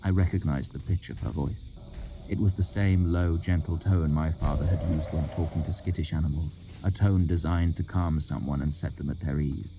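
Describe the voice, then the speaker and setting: A man narrating an audiobook in a steady, even reading voice. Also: a bass voice, moderate pace. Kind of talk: scripted narration.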